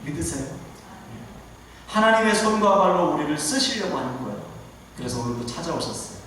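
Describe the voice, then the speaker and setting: A male guest pastor delivers a lively sermon, slipping into different voices for quoted speech. His fairly high voice rings out across a large, echoing church hall. The mic sits far off, and faint room noise lies under the speech. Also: fairly quick. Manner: animated preaching, acting out God's and Moses' words in quoted voices. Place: church sanctuary. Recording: echoey church hall picked up from a distance.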